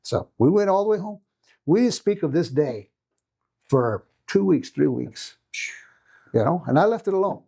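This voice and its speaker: A man's voice: fairly high pitch, expressive, moderate pace, gravelly, long pauses, warm tone, slightly rough. A middle-aged man, a jiu-jitsu coach telling a long story as a podcast guest, tagging many sentences with questions. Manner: rambling anecdote with many tag questions.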